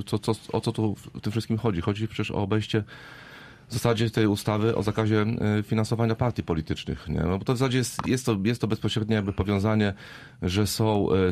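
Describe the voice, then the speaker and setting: Very deep-voiced rambling male panelist. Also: darkish tone. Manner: rambling, with fillers and "right?" tags. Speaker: panel guest. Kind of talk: political panel discussion.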